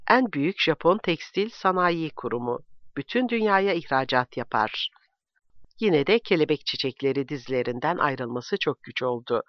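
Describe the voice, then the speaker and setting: A man narrating a literary novel in a steady, measured reading voice. His voice sits a little high for a man. The recording is dry, close and somewhat muffled. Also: no room sound. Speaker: audiobook reader. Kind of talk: scripted narration.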